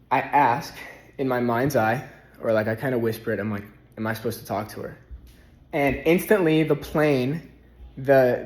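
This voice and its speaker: A young man speaks in a relaxed, meandering way, stringing thoughts together with lots of "like" and "um". He talks casually to camera for his spiritual vlog from a rented house, his voice at an everyday middle pitch. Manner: relaxed, rambling, heavy use of "like". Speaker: spiritual vlogger.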